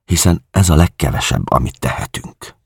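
Man voicing a calm skeptical listener, audiobook, husky, lively intonation. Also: very deep voice, dry recording, clean studio sound, full character voice. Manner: cautious, measured. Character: calm skeptical male listener, gentle and cautious. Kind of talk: audiobook reading.

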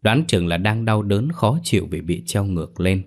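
Man, very low voice, horror story narration, measured and slow. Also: expressive.

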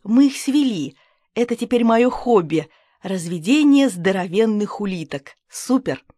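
A woman reading an audiobook, voicing a brash, excitable woman friend who rambles and bosses people around. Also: mid-range voice, a little slow, no echo, studio quality. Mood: excited. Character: brash loud woman friend, snail breeder.

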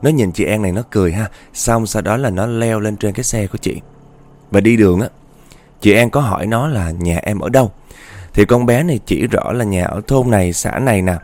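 A man's voice: fairly low pitch, darkish tone. A man telling a ghost story in a chatty, dramatic way, often speaking straight to his listeners.

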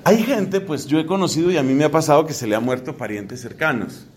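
A man's voice: fairly high pitch, expressive, fairly quick, darkish tone. A Colombian priest in his fifties with a Colombian Spanish accent, giving a theological lecture in a conversational way and putting questions straight to his listeners. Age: 50s.

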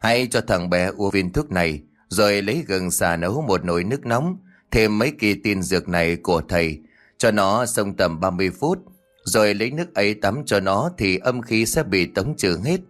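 Man voicing a calm older exorcist master in an audio ghost story, low voice. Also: moderate pace.

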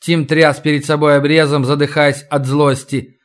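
A man reading an audiobook with steady scripted narration. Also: a little high, normal speed.

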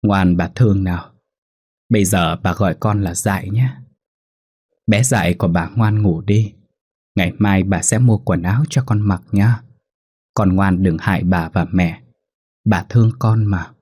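A man doing a gentle, coaxing grandmother. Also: low-pitched, a little slow, long pauses, breathy edge, no room sound, studio quality. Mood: soothing. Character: kind pious grandmother, gentle and soothing.

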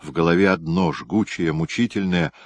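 Man narrating an expressive audiobook. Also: low voice, moderate pace, dry recording. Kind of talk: scripted narration.

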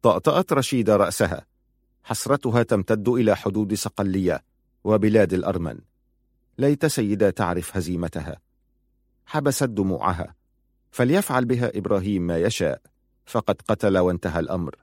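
A male narrator reads a novel aloud in a low voice. His delivery is measured and steady, and the recording is dry, with no room sound. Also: no echo. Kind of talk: audiobook narration.

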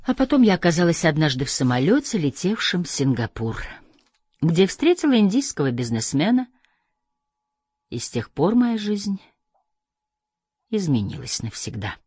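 A man voicing a guarded young woman who tells her past in a flat, even way, in an audiobook. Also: on the high side, normal speed, long pauses, slightly rough, no room sound, clean studio sound. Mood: calm.

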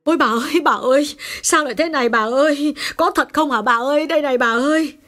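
A man's voice: sing-song, brisk. A man doing a gossipy middle-aged housemaid. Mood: panicked. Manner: high gossiping falsetto, panicky wailing. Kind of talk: audiobook character voice.

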